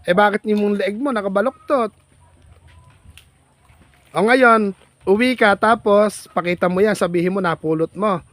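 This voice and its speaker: A man's voice: sits high, a little slow, long pauses, fairly bright tone. A man vlogging outdoors in farm fields, chatting with a child in a playful, teasing, coaxing way. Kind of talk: casual teasing chat with a child.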